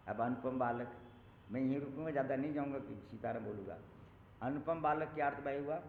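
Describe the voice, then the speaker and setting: A male preacher giving a Ram Katha sermon, telling a story and chanting verses slowly in a melodic style. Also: mid-range voice, a little hiss or hum. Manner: slow sung recitation of verses, storytelling with acted quotes. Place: temple hall. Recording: echoey hall over a tinny lo-fi line.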